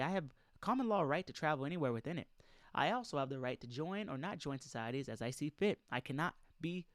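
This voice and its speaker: With a fairly high-pitched voice and no echo, a man reads a document aloud and comments as he goes. His informal lecture style is emphatic, and he keeps putting questions straight to his listeners.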